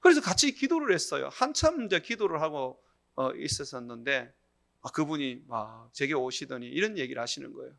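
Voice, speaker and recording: A male pastor, middle-aged, preaching a sermon and telling a story with animated delivery. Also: medium pitch, a little fast, vocal fry. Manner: animated storytelling, acting out quoted speech.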